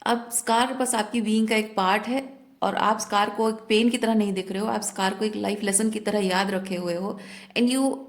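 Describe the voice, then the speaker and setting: A woman's voice: medium pitch, steady tone, moderate pace. A woman tarot reader talking reflectively in a spiritual guidance talk, often mixing in English words.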